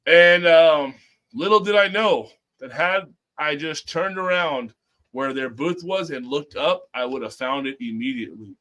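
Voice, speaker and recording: A man's voice: a little high, a little slow, fairly bright tone. A man chatting casually and telling anecdotes in an informal, slangy, enthusiastic way. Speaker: show panelist.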